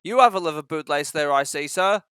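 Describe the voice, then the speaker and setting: A stern male railway guard from a children's storybook talks in a quiet, firm and plain manner. A storyteller voices him, close and dry. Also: mid-range voice, lively intonation, a little fast, smooth, no echo, close to an everyday voice.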